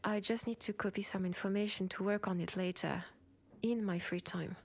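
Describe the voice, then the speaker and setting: This French-accented actress gives a breathy, gentle reading as a protective, ambitious cyberpunk officer mentoring a rookie partner, voicing one side of an intimate sci-fi roleplay. Her mid-range voice stays fairly even at a normal speed and sounds natural, carrying a vulnerable, pleading mood.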